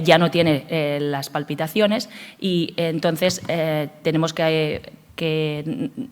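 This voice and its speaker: A woman with a Spanish accent and a cold, giving a hesitant medical conference talk with many fillers. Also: low-pitched. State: has a cold. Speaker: cardiologist speaker. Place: conference hall. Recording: long hall reverb.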